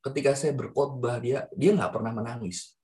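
A man delivers a lively sermon and tells stories to his congregation. His voice sits at an ordinary pitch and swings up high when he gets excited. Then it drops to soft, quiet tones. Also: moderate pace. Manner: animated storytelling, addresses congregation directly. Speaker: evangelist preacher.

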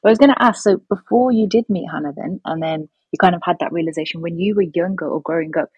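A woman's voice: on the low side, fast talker, darkish tone, breathy edge, no room sound, low-quality recording. A woman with a faint Birmingham accent, co-hosting a casual podcast and asking supportive questions. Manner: attentive, asks questions, supportive. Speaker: podcast co-host. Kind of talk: casual chat.

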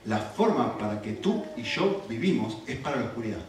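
A man's voice: medium pitch, a little fast, a little hiss or hum. A middle-aged man with an Argentine accent preaching a sermon, telling stories and firing off rhetorical questions. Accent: Argentine Spanish. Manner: animated storytelling with rhetorical questions. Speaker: pastor. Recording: echoey room, far from the mic.

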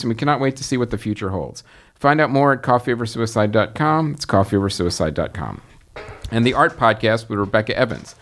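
A man's voice: mid-range voice, fairly bright tone. A man hosting a film podcast, casually reading out listener promos with small fillers and chuckles. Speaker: podcast host.

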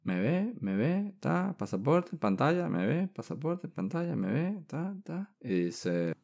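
A man's voice: a little high, very animated, measured pace, creaky, a little mellow. A man from Venezuela with a Venezuelan Spanish accent, hosting a podcast and telling a travel story casually, acting out scenes with sound effects and voices. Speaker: podcast host.

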